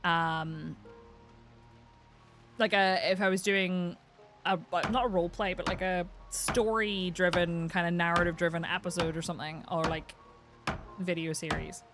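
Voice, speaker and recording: A woman's voice: on the low side, fairly even intonation, measured pace, over music. A woman with an Irish accent chatting casually on a live game stream, rambling with lots of filler words. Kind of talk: casual live-stream chat while gaming. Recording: clear background noise with clicks.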